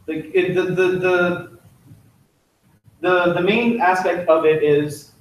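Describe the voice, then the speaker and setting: A man's voice: sits high, steady tone, takes it slowly, heavy reverb, slight background noise. A young man giving a casual, joking club talk with slides, chatty and full of fillers, recorded from far off in a classroom. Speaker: student club presenter. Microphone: distant room mic.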